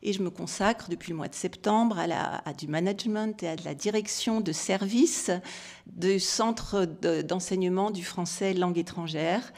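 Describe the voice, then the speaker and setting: A woman's voice: fairly low pitch, moderate pace, darkish tone. A woman, giving an academic symposium talk as a historian, hesitant with many fillers and restarts.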